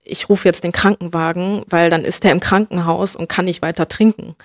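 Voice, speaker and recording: A young woman from Germany, speaking reflectively as an interview guest and often pausing to search for words. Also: fairly low pitch, fairly even intonation, dry recording, clean studio sound. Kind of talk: personal interview conversation.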